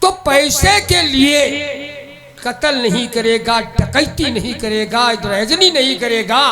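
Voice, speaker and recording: एक आदमी निभाता चालाक गाँव का सरपंच, ऊँची आवाज़. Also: male voice, very high-pitched, lively intonation, slow, music in the background, heavily acted. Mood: explaining. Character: scheming village headman, middle-aged man. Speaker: stage actor. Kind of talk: folk nautanki stage acting.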